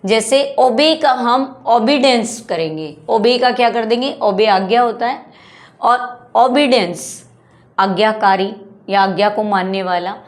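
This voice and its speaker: A woman teaching English grammar in Hindi, repeating each word and quizzing before giving the answer. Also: on the high side. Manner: slow, repetitive, quizzing questions then answering them.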